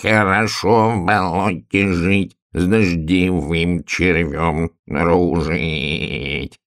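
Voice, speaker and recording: Man doing a croaking drawling swamp toad. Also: deep voice, slow pace, sharp tone, no room sound, studio quality, heavily acted. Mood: sly.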